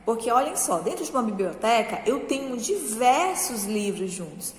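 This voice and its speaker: A woman teacher giving a slow, patient review lesson to children, often checking that they follow along. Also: on the high side, very animated, darkish tone, a little hiss or hum. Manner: slow, patient, encouraging, checks understanding with "certo?". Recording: echoey room with long reverb.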